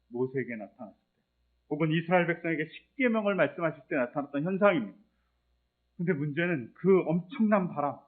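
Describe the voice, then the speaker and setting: A male pastor preaching a sermon, explaining scripture with rhetorical questions. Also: on the high side. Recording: tinny phone-like sound.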